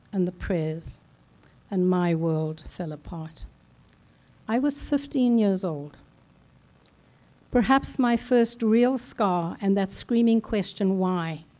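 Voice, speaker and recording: An older woman from South Africa speaks at a conference in a slow, deliberate way. Her voice is mellow and dark in tone. She leaves measured, solemn pauses between her phrases. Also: medium pitch. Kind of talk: slow, deliberate personal speech. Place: large conference hall.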